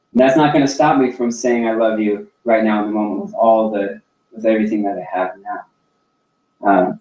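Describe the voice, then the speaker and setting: A man's voice: mid-range voice, a little mellow. A man hosting a talk show, speaking earnestly and reflectively, often restarting his sentences as he searches for the right words. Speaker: podcast host. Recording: roomy, distant, dull lo-fi sound.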